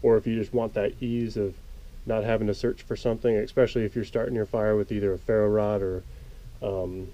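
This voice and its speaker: Working in a small desert rock cave, a mellow American vlogger chats casually to camera about what he's doing. He speaks briskly with a fairly low pitch and little pitch movement, and the outdoor camera audio sounds dull, with faint background ambience.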